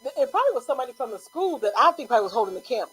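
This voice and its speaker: A woman co-hosting a casual talk show, telling stories in an animated way and laughing often. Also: high voice, rapid-fire, husky, poor audio. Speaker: co-host. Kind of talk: casual chat.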